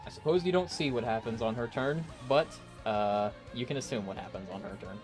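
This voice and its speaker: A man running a tabletop game as game master, narrating scenes in a hushed, drawn-out way. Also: medium pitch, over music.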